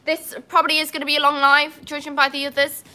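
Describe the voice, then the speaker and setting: This young woman from England talks quickly in a high voice with a completely flat delivery and a sharp tone, despite often laughing and apologizing. She has a cold and is chatting casually on a livestream in a cat cafe with large windows, recorded on a phone on a tripod. Slight background noise is present.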